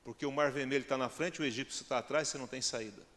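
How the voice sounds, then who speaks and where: A man's voice: mid-range voice, steady tone, quick pace, a bit bright. A male pastor with a Brazilian accent preaching a sermon, firing rhetorical questions at the congregation and building to emphatic peaks. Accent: Brazilian Portuguese. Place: church hall. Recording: long church hall reverb.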